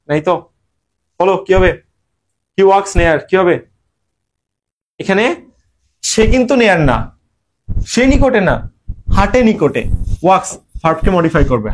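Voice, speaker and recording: A young man with a Bangladeshi Bengali accent teaches English grammar in an online admission-prep lesson, drilling students with rhetorical questions. His voice is high-pitched, and there's a little hiss or hum in the audio.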